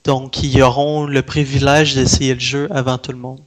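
Man with a Québécois French accent, mid pitch. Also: level tone, normal speed. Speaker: interviewee, independent game developer. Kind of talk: casual conversation.

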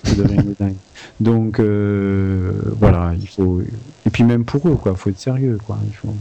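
A man's voice: fairly low pitch, measured pace, warm tone, highs cut off. A man, a video game composer, talking frankly and casually in an interview, with many restarts.

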